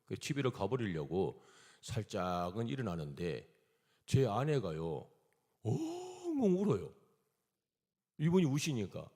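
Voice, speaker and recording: Lively low-voiced man preaching a testimony. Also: moderate pace. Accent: Gwangyang dialect. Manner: storytelling, acts out quoted dialogue. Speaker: missionary preacher. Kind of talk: testimony sermon. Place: church hall. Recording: reverberant church hall.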